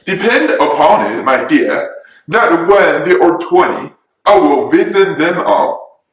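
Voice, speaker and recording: A man's voice: a little high, expressive, takes it slowly. A man playing a teasing, sarcastic middle-aged husband and father in a theatrical dramatic reading of a classic novel. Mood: mocking, unruffled. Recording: echoey room.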